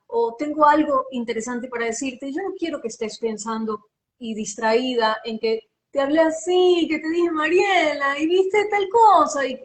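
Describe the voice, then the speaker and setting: A woman from Ecuador with a Guayaquil accent, a voice and diction coach explaining in an animated, teacherly way during a live interview. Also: fairly high pitch, slight background noise. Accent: Guayaquil Spanish. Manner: animated, expressive, teacherly, asks rhetorical questions.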